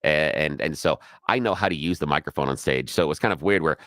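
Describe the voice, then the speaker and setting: Talking fast in a bass voice, a middle-aged radio co-host tells animated stories in casual on-air chat, acting out the people he quotes with a big, projecting delivery. The sound is studio quality with no echo.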